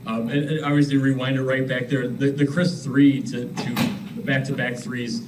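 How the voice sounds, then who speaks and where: A man's voice: mid-range voice, flat delivery, normal speed. A male reporter asking long, winding questions with hesitant restarts over a remote call. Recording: distant call audio with noise.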